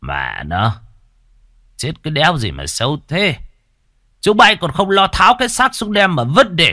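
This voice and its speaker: Give me a man playing a pompous, cruel old village chief who snarls and shouts insults. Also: very deep voice, big pitch swings, extremely slow, vocal fry, no room sound, studio quality, voice pushed down, heavily acted. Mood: contemptuous. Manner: barking, cursing, contemptuous.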